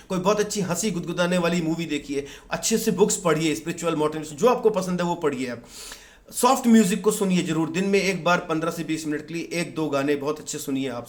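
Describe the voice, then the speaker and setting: Calm man giving wellness advice. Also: a little high. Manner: calm advice mixing Hindi and English, addresses viewers as friends. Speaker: wellness presenter. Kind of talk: informal health talk to camera.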